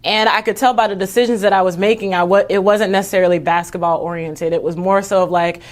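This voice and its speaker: A woman's voice: medium pitch, steady tone, quick pace. A woman from Texas, an athlete guest telling her story in a casual interview, talking chattily with lots of "you know" and "like".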